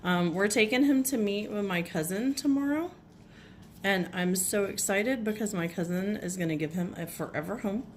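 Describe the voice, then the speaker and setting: A woman with a cold, her voice a little rough, gushing chattily through an unboxing at home and clearing her throat often. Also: mid-range voice, moderate pace, a little hiss or hum. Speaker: nail vlogger. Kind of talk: casual unboxing chat.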